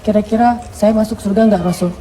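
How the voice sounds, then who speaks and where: A guy doing a worried old granny, soft pleading questions, light high voice, mellow tone. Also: steady tone, fairly quick, a little hiss or hum, natural voice. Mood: hopeful. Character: worried old woman asking about heaven.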